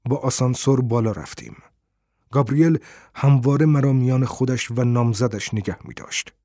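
A man narrating a first-person detective novel in a steady storytelling manner. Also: mid-range voice, no echo, studio quality. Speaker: audiobook narrator.

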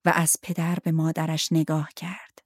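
A woman narrating a novel aloud in a steady storytelling manner. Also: deep voice, no room sound, studio quality. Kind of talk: audiobook narration.

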